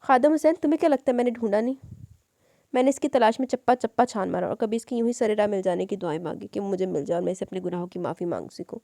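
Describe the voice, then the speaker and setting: A woman's voice: medium pitch, fast, creaky, mellow, dry recording, clean studio sound, lightly acted. A woman voicing a guilt-ridden, grieving older man in an audiobook, speaking in a sorrowful, pleading way.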